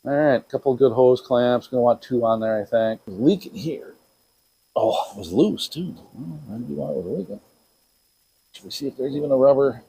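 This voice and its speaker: A man's voice: mid-range voice, expressive, moderate pace, warm tone, husky, no room sound, low-quality recording. A middle-aged man from Wisconsin talking casually to the camera while repairing equipment in his workshop, rambling and talking to himself. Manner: rambling, talks to himself, playful. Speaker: DIY repair vlogger.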